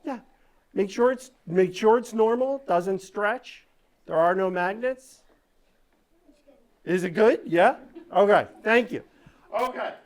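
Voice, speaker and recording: A woman with a mid-range, darkish voice speaks slowly and pauses often. As a children's stage magician, she delivers live patter with step-by-step instructions, coaxing the audience along through frequent check-ins.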